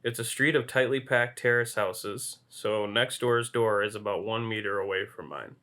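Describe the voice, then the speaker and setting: A man's voice: fairly low pitch, normal speed, bright, forceful tone. A man co-hosting a podcast, reading a story aloud and laughing now and then as he reads. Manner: amused, laughs while reading. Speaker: podcast co-host.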